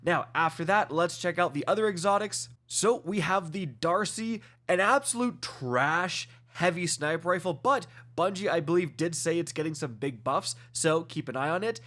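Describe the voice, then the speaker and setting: A man with a congested nose and a fairly high-pitched, fairly bright voice hosts a gaming video, casually and enthusiastically reviewing items in a video game. He talks quickly, often calling viewers "guys" and using fillers like "uh."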